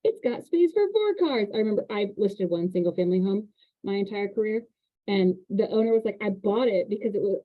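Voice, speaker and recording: A woman hosting a casual chat about renting, telling animated stories about parking. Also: medium pitch. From Indiana. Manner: chatty, animated storytelling with laughs. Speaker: real estate agent and host. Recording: tinny phone-like line.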